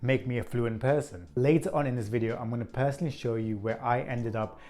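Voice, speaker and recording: A channel host in his thirties delivers scripted vlog talk to the camera in an earnest, even, measured way. His voice is medium-pitched, and a stutter slows him now and then.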